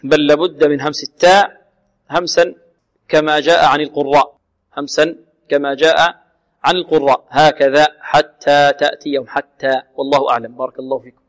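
A man teaching the rules of Quran recitation, slowly sounding out letters and syllables, then asking his own questions and answering them. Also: a little high, steady tone, in a large hall. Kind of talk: tajweed lesson with demonstrations.

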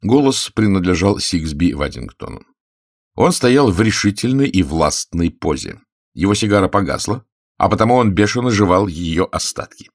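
Brief: male audiobook reader, lively lilting pitch, dry close sound. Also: normal speed, no echo. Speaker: narrator. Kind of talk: audiobook narration.

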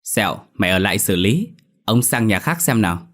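A man voicing a cruel, rich old village landlord who shouts threats at his debtors. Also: on the low side, animated, a little fast. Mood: furious.

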